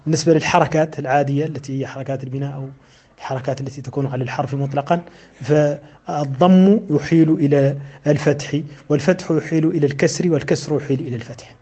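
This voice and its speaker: A man's voice: a little high, fairly even intonation, fast, dark tone, slightly rough. A man teaching the rules of a classical verse text on recitation, explaining them step by step with frequent hesitations.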